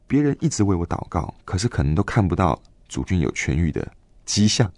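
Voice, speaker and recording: Earnest young man with a very deep voice. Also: very animated, darkish tone, no echo. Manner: earnest, halting, with many fillers and restarts. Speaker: guest giving a faith testimony. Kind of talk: emotional personal storytelling.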